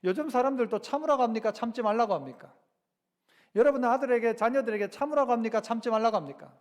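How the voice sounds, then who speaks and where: A man's voice: very high voice, fast talker, long reverb tail. A man preaching a sermon as pastor, talking with the congregation through rhetorical questions and acting out quoted lines. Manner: acts out quoted lines in a lively voice. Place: church sanctuary.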